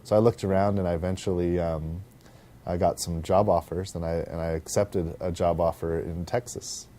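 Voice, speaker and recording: A man, a game developer, reflecting on his career in a measured interview. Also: sits low, fairly even intonation, background noise. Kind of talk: interview recollection.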